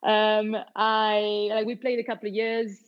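Here a guest musician and label head, a fortysomething woman from Argentina, chats warmly and loosely in an interview, restarting often and leaning on fillers. Her medium-pitched voice is completely flat, her pace measured, and the sound lo-fi.

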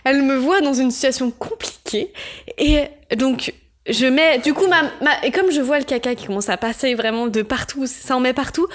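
A woman's voice: high voice, normal speed. A woman chatting casually and telling stories in crude slang, with a giggly manner. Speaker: midwife telling work anecdotes as podcast guest. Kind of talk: casual chat, storytelling.

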